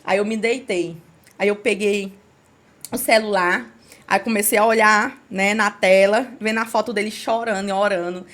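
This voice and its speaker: A woman's voice: mid-range voice, moderate pace. A woman guest on a podcast telling an emotional personal testimony, acting out quoted dialogue as she goes. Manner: animated storytelling, acts out quoted dialogue.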